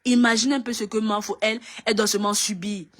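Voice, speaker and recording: A woman's voice: mid-range voice, fairly even intonation, fast, a bit bright. A woman ranting in a video, scolding and mocking with lots of repetition. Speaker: online commentator.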